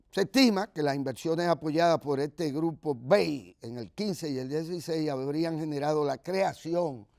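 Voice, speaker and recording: A man with a Caribbean Spanish accent from the Dominican Republic delivers news commentary. His voice sits fairly high and has a strong gravelly fry, recorded dry and close. He talks conversationally, leaning hard on key words and wandering off into asides. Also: no echo. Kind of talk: news commentary, partly reading aloud.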